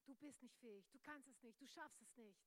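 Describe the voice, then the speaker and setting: A woman voicing a sneering devil who whispers insults into someone's ear, in a low, hushed, mocking tone. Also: unhurried, close to an everyday voice.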